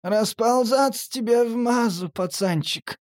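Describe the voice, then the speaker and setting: A man's voice: very high-pitched, a little slow, voice pushed up. A man voicing a scrawny, giggly drug addict who talks through his nose. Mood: drowsy. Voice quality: nasal. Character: nasal scrawny male junkie, giggly and jittery.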